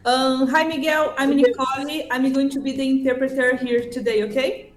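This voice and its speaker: High-voiced woman interpreter in an echoey room. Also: fairly even intonation, faint music behind. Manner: relays answers in quick Portuguese summaries with frequent "uhum". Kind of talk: live interpreting between Portuguese and English.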